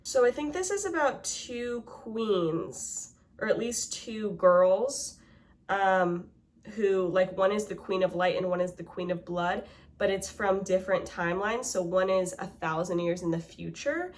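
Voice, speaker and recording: A woman book vlogger in casual chat, talkative and quick to laugh, with lots of "like". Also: mid-range voice. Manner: chatty, laughs often, lots of "like".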